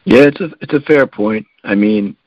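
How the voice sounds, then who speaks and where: A man co-hosting a casual sports podcast, relaxed and hedging, with lots of fillers. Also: fairly low pitch, normal speed, no room sound, highs cut off. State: coughing. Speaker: podcast co-host.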